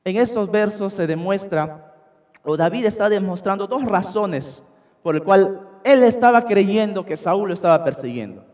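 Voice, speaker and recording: A man delivers an expository sermon from the pulpit in a church sanctuary. His voice sits high and carries with emphasis, often calling the congregation his brethren. A long reverb from the hall follows his words. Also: expressive, normal speed, a little mellow. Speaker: preacher.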